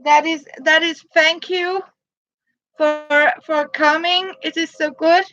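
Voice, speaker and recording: Slow-talking Danish woman in her fifties. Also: very high-pitched, steady tone, pushed and bright, muffled recording, soft background music. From Denmark. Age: 50s. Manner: halting, simple English, greets viewers by name, laughs often. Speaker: livestream crafter. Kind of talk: live stream chat with viewers.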